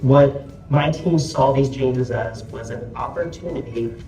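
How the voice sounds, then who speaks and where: A man answers on a conference panel in a steady, businesslike manner with a warm, mellow tone. He sounds distant in an echoey room, faint music underneath. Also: medium pitch, measured pace. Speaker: airline panelist. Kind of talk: panel discussion.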